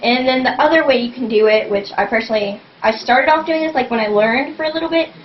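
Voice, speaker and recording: A woman's voice: on the high side, fast. A young woman in a casual home tutorial, rambling and saying "like" constantly as she explains vocal technique. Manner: rambling, fills every phrase with "like". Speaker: vlogger teaching scream technique. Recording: dull lo-fi webcam audio, faint hum.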